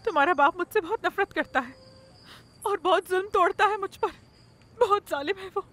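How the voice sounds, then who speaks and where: A woman's voice: very high voice, normal speed, fairly bright tone. A woman voicing an anguished mother who pleads and weeps for her son in a film dub. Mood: tearful pleading. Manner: tearful, pleading. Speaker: dubbing voice actor. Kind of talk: Urdu film dub acting.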